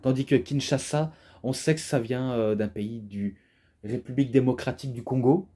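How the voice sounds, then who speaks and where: A man's voice: medium pitch, normal speed, dark tone, husky. A man giving a rambling, casual spoken review who gets carried away as he talks, with an imposing voice. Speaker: wrestling DVD reviewer.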